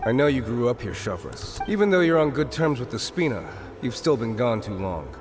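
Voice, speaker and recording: A man's voice: medium pitch, sing-song, a little fast, lightly acted. A man playing a world-weary, guarded underworld informant in an anime game dub, with a dry, cautionary way of talking. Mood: warning. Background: game music.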